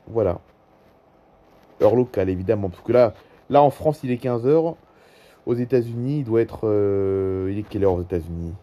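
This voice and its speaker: A man talking casually as he reads flights off a live map, pausing on fillers and saying lines twice. His voice is warm and mellow at an ordinary middle pitch. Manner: reads out flights with hesitant fillers and repeats himself. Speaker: YouTuber. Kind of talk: casual screen-recording commentary.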